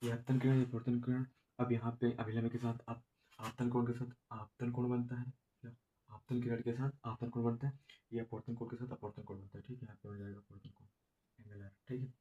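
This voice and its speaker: Male teacher, monotone delivery, slow and repetitive, headache-weary exam lesson. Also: mid-range voice, breathy edge, highs cut off. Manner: slow, repetitive explaining with many filler checks. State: has a headache. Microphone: no proper voice recorder.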